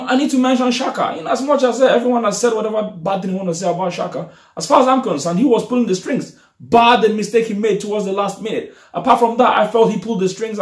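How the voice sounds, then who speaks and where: A high-voiced young man talks straight into a camera set up in front of him, venting after a match. He sounds animated and frustrated, gesturing as he goes. The small room adds a clear echo. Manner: animated, frustrated, gestures a lot while talking. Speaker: football fan vlogger. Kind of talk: casual post-match reaction.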